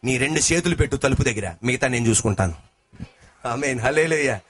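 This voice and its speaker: A male pastor preaching a sermon, swinging between shouted sing-song lines and lower talk, calling the congregation to answer back. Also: expressive, a little fast, slightly rough.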